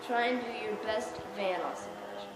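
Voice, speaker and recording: A woman's voice: mid-range voice, very animated, moderate pace. A young woman casually chatting while playing a video game, talking with lots of "like" and giggling. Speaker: gamer. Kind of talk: casual gaming chat. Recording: echoey room with loud background noise.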